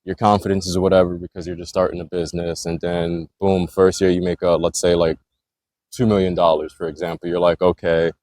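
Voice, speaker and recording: A man's voice: sits low, fairly quick, no echo. A man, a military veteran, talking casually as a podcast guest, loose and filler-heavy. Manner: relaxed, loose, lots of "like" and "you know". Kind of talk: casual conversation. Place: gym.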